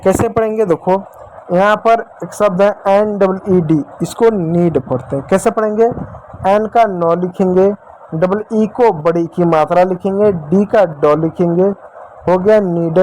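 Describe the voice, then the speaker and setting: A man's voice: sits high, mellow, slight background noise, rough recording. A man teaching English spelling and phonics in Hindi, asking questions and answering them himself, repeating each step and calling his viewers dear children.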